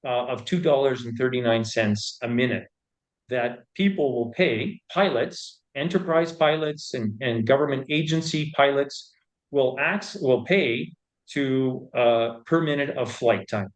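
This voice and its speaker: A man with an average male pitch is interviewed as a company executive, offering explanatory business talk. He goes step by step in halting phrases, often repeating a word before continuing.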